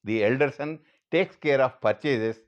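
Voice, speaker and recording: A man's voice: mid-range voice, smooth. Earnest Indian man, dull lo-fi audio. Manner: earnest, measured, direct second-person address. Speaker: monologue speaker. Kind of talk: scripted monologue addressed to a politician.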